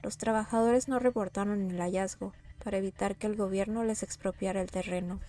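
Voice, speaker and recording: A woman narrating true horror stories in a steady, scripted way. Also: mid-range voice, brisk.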